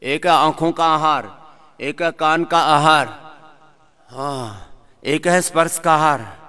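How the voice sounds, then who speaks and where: High, bright-voiced man leading yoga. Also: slow pace, clean tone. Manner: lively, sings verses, jokes with class. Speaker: yoga teacher. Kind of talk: live yoga class instruction and talk.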